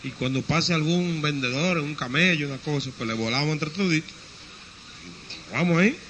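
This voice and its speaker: Un hombre haciendo de fugitivo conspirador en voz baja. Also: male voice, on the high side, normal speed, fairly bright tone, slight background noise, lightly acted. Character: fugitivo de cárcel tramando un plan. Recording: sonido apagado con ruido leve.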